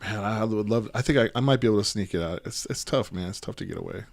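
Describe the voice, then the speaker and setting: Sex: man. Role: friend on a podcast. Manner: easygoing. Pitch: lowish. Sound: dry, close. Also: quick pace, creaky, dry recording. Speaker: guest friend, a father. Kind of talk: casual chat between drinking friends.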